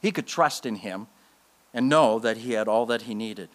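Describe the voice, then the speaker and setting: A man with a Canadian accent preaching a sermon in a church, slowing down to repeat key phrases with emphasis. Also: on the low side. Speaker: pastor. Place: church sanctuary.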